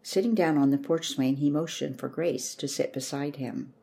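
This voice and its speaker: Storybook narrator, a woman, low and mellow, steady and measured. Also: creaky, husky.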